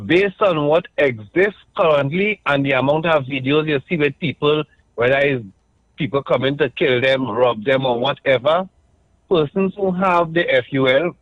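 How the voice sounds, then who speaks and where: On a muffled, dry call-in line with no room sound, a radio caller with a Trinidadian accent speaks in a slightly high voice. Measured and methodical, he makes his case point by point and keeps asking "right?".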